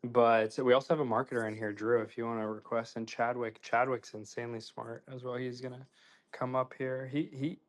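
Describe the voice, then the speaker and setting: A young man in his twenties hosts a relaxed online group call, his voice held flat and level at a middle pitch. He talks loosely with plenty of slang and repeated words. He is from Ohio. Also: fairly quick. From Ohio, USA. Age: 20s. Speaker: host. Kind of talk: casual online group chat.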